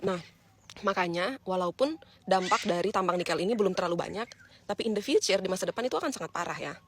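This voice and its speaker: A woman's voice: on the low side, animated, fast talker, slight background noise. A woman vlogging in a casual, chatty way, explaining things to her viewers with fillers and questions.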